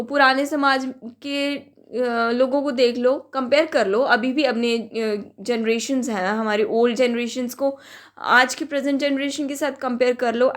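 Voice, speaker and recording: A woman giving an exam-prep lecture. She reads each English line slowly, then explains it in Hindi and answers her own questions. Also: sits high. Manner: asks questions and answers them herself. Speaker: teacher.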